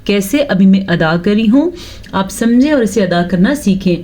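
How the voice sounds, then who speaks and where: A woman teaching Quran pronunciation, reciting words slowly and breaking them into syllables with patient explanation. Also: medium pitch, expressive, dark tone. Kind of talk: slow tajweed lesson with recitation.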